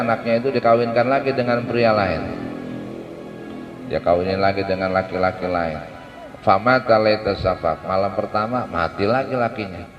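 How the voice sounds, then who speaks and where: Male preacher, lively storyteller, echoey mosque, faint music behind. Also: medium pitch, highs cut off. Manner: animated storytelling with casual Jakarta slang. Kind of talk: sermon storytelling.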